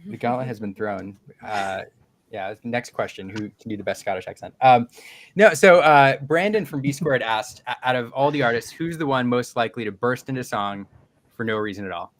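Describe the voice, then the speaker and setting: A man's voice: medium pitch, moderate pace, no echo. A man hosting a casual group chat over a video call, chatty and laughing as he tells stories. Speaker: livestream host.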